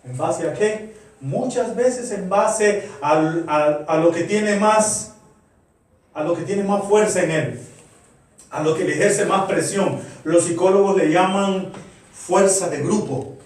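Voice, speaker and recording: A man's voice: high-pitched, takes it slowly, darkish tone. A middle-aged man preaching a sermon to his congregation, earnest and full of rhetorical questions. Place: church. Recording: very echoey church, voice far from mic.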